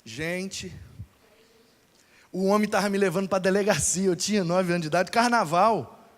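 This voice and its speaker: A pastor telling a lively personal story in a sermon, acting out the people in it. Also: male voice, sits high, normal speed. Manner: animated, acts out voices in his story. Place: church hall. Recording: long hall reverb.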